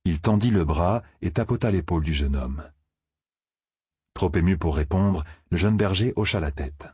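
A man narrates a fantasy audiobook with steady, measured delivery. His voice is extremely deep and husky. The recording is close and dry. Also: no echo.

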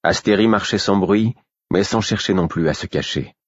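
Man narrating audiobook, very low voice, husky, dry dull recording. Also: moderate pace, no echo. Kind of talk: first-person novel reading.

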